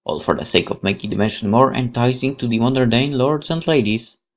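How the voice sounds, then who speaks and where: Brisk and medium in pitch, this man's voice carries a let's play session. Reading visual novel narration for viewers in the style of a dramatic storyteller, he mixes in reflective commentary.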